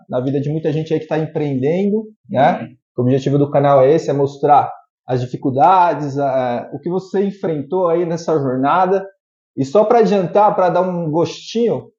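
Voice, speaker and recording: A fairly high-voiced man hosts a casual interview, eager and leaning on little fillers as he talks. His tone is dark and mellow. The sound is muffled and echoes around a bare room. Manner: enthusiastic, uses many fillers like "né" and "aí". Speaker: host.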